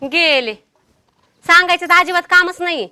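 A young woman playing a sharp-tongued village wife who nags her husband in a comedy sketch. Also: extremely high pitch, normal speed, exaggerated voice. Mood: scolding. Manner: nagging, scolding.

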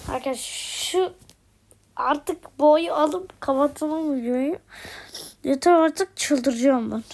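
A woman's voice: sits high, slight background noise. A woman commentating her own mobile game, exasperated, exclaiming and pleading at the screen. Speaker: gaming video host.

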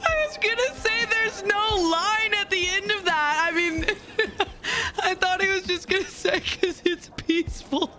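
High-pitched, giggly woman streamer. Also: measured pace. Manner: giggly, amused. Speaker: video game streamer. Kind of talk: casual gameplay reaction commentary. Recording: game music behind the voice.

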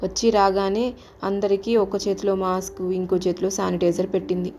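A woman storyteller narrating a scripted children's tale, calm and expressive, her voice mellow and soft-edged. Faint music plays softly behind her. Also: mid-range voice, moderate pace.

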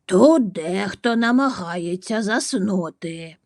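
A woman voicing a sleepy, grumpy male bear with a deep, gruff voice. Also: expressive, takes it slowly, darkish tone, no echo, clean studio sound. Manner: drowsy grumbling.

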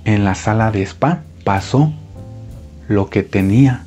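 A man's voice: on the low side, slow, warm tone. A man narrating a listener's story in the first person, in a confiding, playful way. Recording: muffled audio with music underneath.

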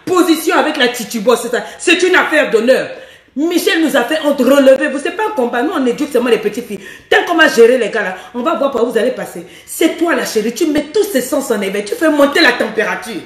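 A high-pitched woman with a hoarse edge to her voice gives frank relationship advice as a coach. She is bold and teasing, laughing between lines and speaking right to her listener. The sound carries a roomy echo. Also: animated, quick pace, recorded from a distance. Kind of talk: frank advice monologue to women viewers.

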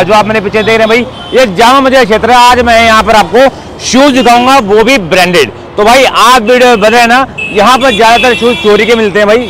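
A man vlogging on foot through an outdoor street market, upbeat and chatty, asking sellers about prices. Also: very high-pitched. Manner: upbeat, repeats "bhai" and "theek hai". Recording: outdoor crowd noise behind. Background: crowd chatter and traffic.

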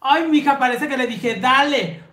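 A woman's voice: mid-range voice, animated, normal speed, echoey room. A woman with a Mexican Spanish accent, telling raunchy stories to her viewers in a brassy, slangy manner and laughing often. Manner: brassy, slangy, laughing, addresses listeners as sisters. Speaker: host. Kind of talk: raunchy casual storytelling to viewers.

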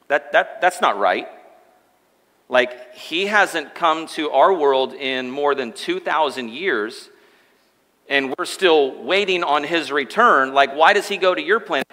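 A man's voice: on the high side, lively intonation, slow, pushed and bright, long reverb tail, full character voice. A man voicing an important male religious leader who asks flustered, incredulous questions. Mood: puzzled.

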